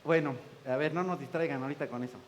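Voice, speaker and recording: A man's voice: on the high side, fast talker, lo-fi sound, slight background noise. A man preaching a sermon in church, folksy, joking with the congregation and acting out the voices he quotes. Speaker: pastor.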